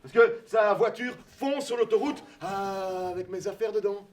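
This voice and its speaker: A man's voice: high-pitched, unhurried, darkish tone. A man with a Belgian French accent telling a comic one-man-show story in a hesitant, self-mocking way, acting out all the voices. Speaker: comedian.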